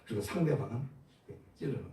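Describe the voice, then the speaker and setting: A male pastor preaching a sermon, asking the congregation questions and answering them, moving between loud exhortation and soft low asides. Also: animated, quick pace. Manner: call-and-response preaching, asks the congregation questions. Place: large church sanctuary. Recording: roomy echo, far from the mic.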